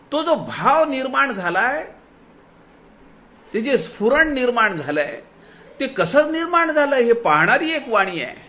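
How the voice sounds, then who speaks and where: A man with a Marathi accent giving a devotional discourse, drawing out quoted verses slowly. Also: very high-pitched, bright, forceful tone. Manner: slows to draw out quoted verses. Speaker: spiritual discourse speaker. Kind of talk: devotional discourse explaining scripture.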